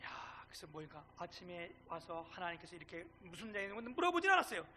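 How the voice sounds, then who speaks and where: Middle-aged pastor guy preaching, super high bright voice, swings loud then hushed. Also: sing-song, fast, slight background noise. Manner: acts out quoted dialogue. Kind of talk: sermon.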